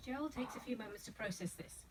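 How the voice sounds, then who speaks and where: A woman's voice: fairly high pitch, lively intonation, fairly quick, background noise. Woman narrating a screenplay, slightly distant. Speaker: narrator reading stage directions. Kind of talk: scripted narration at a screenplay table read.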